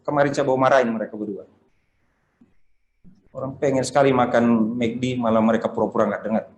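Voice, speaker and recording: A man preaching a sermon as pastor, telling stories with acted-out dialogue in an animated way. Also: medium pitch, quick pace, roomy sound, slight background noise.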